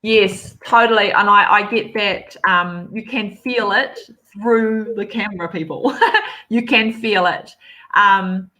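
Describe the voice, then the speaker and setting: A woman's voice: mid-range voice, slow pace, pushed and bright. A woman hosting a live interview on a video call, encouraging her guest with frequent affirming murmurs. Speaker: host.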